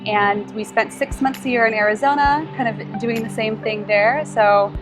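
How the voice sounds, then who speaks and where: A woman's voice: fairly high pitch, fairly even intonation, moderate pace, music in the background. A woman startup co-founder answering interview questions in a friendly, earnest way, with frequent ums. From Philippines and Canada.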